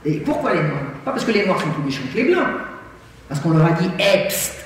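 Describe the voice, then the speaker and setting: A woman's voice: fairly low pitch, big pitch swings, fairly quick. A woman giving an emphatic talk as an invited guest speaker, often repeating words as she restarts her sentences. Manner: emphatic, frequent word repetitions and restarts. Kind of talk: lecture-style talk to an audience. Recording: echoey hall, distant mic, faint hiss.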